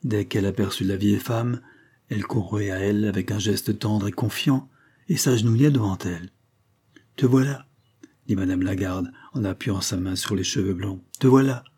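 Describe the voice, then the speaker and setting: A man reading a classic novel aloud as an audiobook narrator, in measured, steady storytelling. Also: fairly low pitch, husky. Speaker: audiobook reader. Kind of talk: literary narration.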